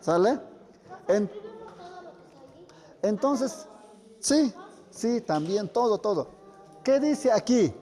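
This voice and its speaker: A man teaching a writing class, speaking slowly and patiently and repeating words so students can pronounce them. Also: high voice, expressive, dark tone, big-room sound. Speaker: language teacher. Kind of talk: classroom lesson.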